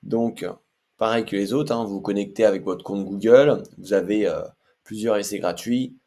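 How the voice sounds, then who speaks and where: A man's voice: fairly low pitch, steady tone, normal speed, mellow. A man hosting a casual screen-share tutorial, chatty and hesitant with frequent fillers. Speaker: tech tutorial host.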